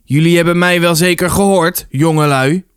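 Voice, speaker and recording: A man's voice: fairly high pitch, animated, brisk, no room sound, studio quality, lightly acted. A man reading a storybook, voicing a tall, thin, stern headmaster who gives clipped orders.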